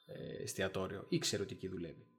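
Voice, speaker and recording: A man with a fairly low voice in a relaxed podcast chat. He retells events animatedly, pausing on fillers and restarting his sentences as he goes. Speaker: podcast co-host. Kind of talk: casual discussion.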